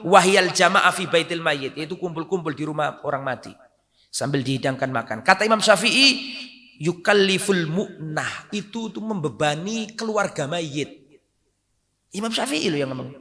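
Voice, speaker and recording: A high, bright-voiced man delivers a sermon in a hall with a long echo. He hammers his points with loud bursts and then sinks to quiet, low asides. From Indonesia. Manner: emphatic, rising to loud stress then dropping low. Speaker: preacher. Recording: echoey hall reverb.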